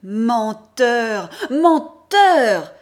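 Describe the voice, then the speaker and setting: A woman's voice: fairly high pitch, big pitch swings, very slow, heavily acted. A woman reading an audiobook, voicing a middle-aged mother who shrieks and scolds in exasperation. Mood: accusing. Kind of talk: audiobook character voice.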